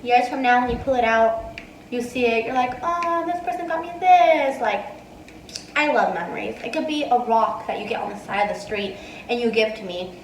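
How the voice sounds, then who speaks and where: This is a casual eat-and-talk Q&A from a mukbang vlogger in her twenties, who answers viewers between bites in an indoor dining room. She speaks at a moderate pace in a high-leaning voice through an earphone mic, phone in hand. The sound is reverberant, distant, slightly noisy, and low in quality.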